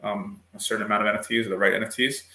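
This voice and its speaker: A man's voice: lowish voice, flat delivery, racing, pushed and bright. A man speaking as a panel guest, explaining things patiently with frequent ums. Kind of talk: online panel discussion. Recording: echoey room.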